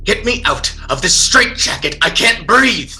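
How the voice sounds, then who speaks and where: A man's voice: on the high side, expressive, moderate pace, bright, forceful tone, soft background music. An actor playing an agitated young man bound in a straitjacket, insisting he is sane in strained, formal period speech, in a dramatic audio drama. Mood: desperate, pleading.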